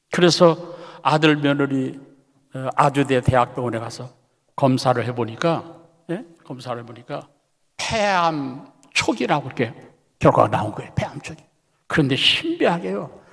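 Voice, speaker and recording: A man preaching a Sunday sermon as pastor. He tells a story animatedly and keeps checking in with the congregation. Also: fairly high pitch. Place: church sanctuary. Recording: long church hall reverb.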